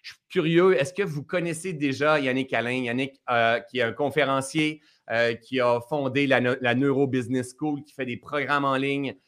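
A man's voice: medium pitch, fairly even intonation, normal speed, few pauses, fairly bright tone. Teasing Québécois man hosting a live stream. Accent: Québécois French. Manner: chatty, teasing. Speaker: host. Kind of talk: live-streamed casual interview.

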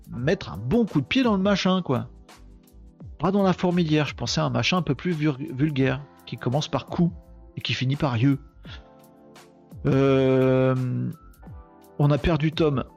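A male host of a live tech show, talking in a chatty, excitable way and punctuating with quick exclamations. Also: fairly high pitch, husky, muffled recording, soft background music. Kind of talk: casual live commentary.

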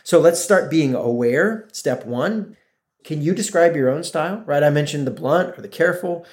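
A man's voice: fairly high pitch, expressive, normal speed, a little mellow. A middle-aged man hosting a solo podcast in a casual way, often acting out quoted voices of friends. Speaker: podcast host.

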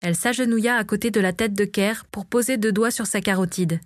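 Woman narrator, audiobook reading, dry close voice, mid pitch, measured. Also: no room sound.

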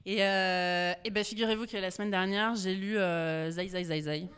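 A woman's voice: mid-range voice, steady tone, moderate pace, fairly bright tone, clear, resonant tone. A woman editor being interviewed on a podcast, talking hesitantly with many fillers and restarts. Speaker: guest, comics editor.

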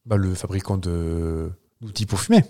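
A man's voice: deep voice, moderate pace, warm tone. Man goofing around on a podcast, playful casual chat, laughs a lot. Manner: playful, chatty, laughs often. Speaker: podcast co-host.

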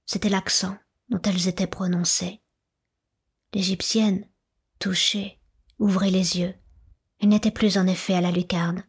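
A woman narrating a classic novel for an audiobook in a soft, measured way that often slips into a whisper. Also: mid-range voice, flat delivery, husky.

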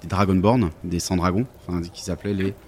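A man's voice: sits low, fairly even intonation, fairly quick, darkish tone, slight background noise. A man talking casually about tabletop role-playing games, thoughtful and hesitant with many fillers.

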